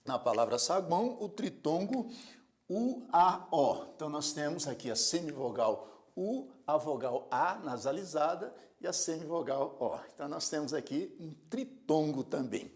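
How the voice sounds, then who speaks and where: A man's voice: fairly high pitch, expressive, normal speed, darkish tone. A man teaching a grammar lesson, spelling words out syllable by syllable and telling students to observe. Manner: addresses students directly with repeated prompts to observe. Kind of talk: recorded video lesson.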